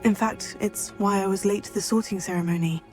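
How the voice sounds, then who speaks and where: Woman as polite teen witch student, calm n composed, video game lines. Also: mid-range voice, a little fast, soft background music, close to an everyday voice. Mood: candid.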